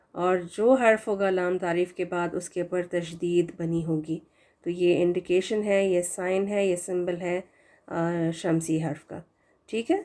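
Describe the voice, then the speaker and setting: A woman teaching a recitation lesson online. She explains each rule with fillers and English words mixed in, and she draws out the example words slowly. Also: medium pitch, darkish tone. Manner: slow drawn-out recitation of examples; hesitant fillers while explaining.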